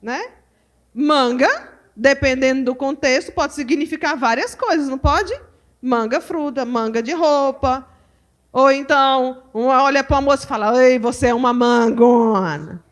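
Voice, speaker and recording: A Brazilian woman teaching at a women's church conference, animated and full of rhetorical questions to her audience. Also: high-pitched, a little slow. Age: adult mother. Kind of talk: lively teaching talk to a live audience.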